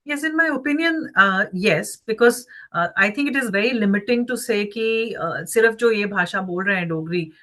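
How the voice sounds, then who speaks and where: A woman with a Jammu Indian accent speaks as an interview guest. Her delivery is fast and her tone is bright and forward. She explains in an earnest, articulate way, slipping between two languages. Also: medium pitch, animated. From Jammu region, India. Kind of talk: explanatory interview talk, switching between English and Hindi.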